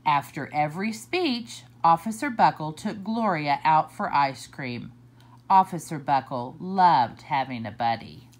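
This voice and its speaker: A children's librarian, a woman, reads a storybook aloud slowly and in a lively way. Her delivery is expressive and deliberate, with a swooping pitch.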